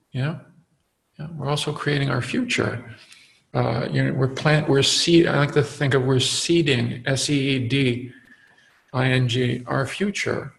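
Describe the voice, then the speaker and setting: A man giving a dharma talk as a meditation teacher, reflective and halting, with frequent fillers and restarts. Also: mid-range voice, creaky, fairly bright tone, low-quality recording.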